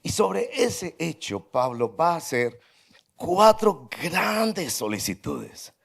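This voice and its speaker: Lively, gravelly pastor. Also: male voice, fairly high pitch. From Colombia, Medellín. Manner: dramatic storyteller, slowing down and pausing for emphasis. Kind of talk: sermon with storytelling.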